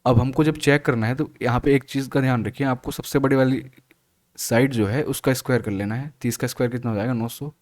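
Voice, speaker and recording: A man's voice: medium pitch, fast. A male math teacher solving exam questions aloud, asking and answering his own questions as he works. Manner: steady step-by-step explaining, asks and answers own questions. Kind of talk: exam solution walkthrough.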